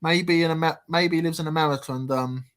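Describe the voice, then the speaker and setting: A man's voice: a little high, fairly even intonation, fast, a bit bright. A man, hosting a casual football livestream, reading chat comments aloud with a lot of hesitant ums. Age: 30s. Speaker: livestream host.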